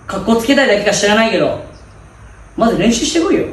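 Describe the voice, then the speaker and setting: A man's voice: sits high, sing-song, fast. A man acting a cheeky first-year student athlete who talks back with cocky mockery in a comedy sketch. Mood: mocking. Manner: cocky, mocking, drifting into Kansai-style speech. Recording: echoey room, mic from a distance.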